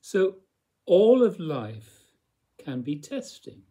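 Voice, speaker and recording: A man giving a slow, reflective spiritual talk, speaking deliberately with long pauses and repeated phrases. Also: high-pitched, sing-song, dark tone, slightly rough. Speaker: spiritual teacher.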